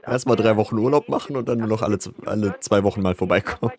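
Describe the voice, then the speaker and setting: A fast-talking man with a lowish voice plays a police officer in a game, a crowd audible in the background. The streamer keeps the roleplay chat casual while complaining a little about his shifts.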